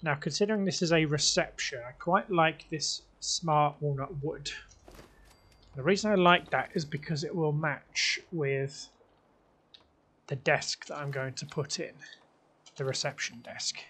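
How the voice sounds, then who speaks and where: A man's voice: a little high, measured pace, a bit bright. Chatty British man musing over a game build. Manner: chatty, musing, talks himself through choices. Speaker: let's play host. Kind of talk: casual gameplay commentary.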